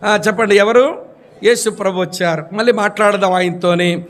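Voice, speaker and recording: High-voiced man preaching with humor. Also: moderate pace, fairly bright tone, slight background noise. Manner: humorous storytelling with acted dialogue; addresses congregation directly. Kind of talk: sermon.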